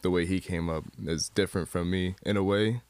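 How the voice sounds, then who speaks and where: Speaking a little fast in a low, fairly even voice, a young Michigan guest rambles through a casual interview, full of fillers, restarts and self-corrections. His tone is clear, resonant and a little mellow, with no room sound.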